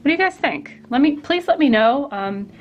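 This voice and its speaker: A woman's voice: high voice, lively intonation, normal speed, muffled recording, slight background noise. Rambling woman artist chatting while painting. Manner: rambling, many fillers and restarts. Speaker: artist and vlogger. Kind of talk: casual vlog chat while painting. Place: home art studio.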